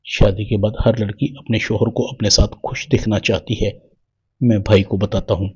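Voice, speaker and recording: A loyal, respectful younger brother, read out by a man in a low, husky voice. The reading stays plain and sounds dull and lo-fi. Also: level tone, a little mellow.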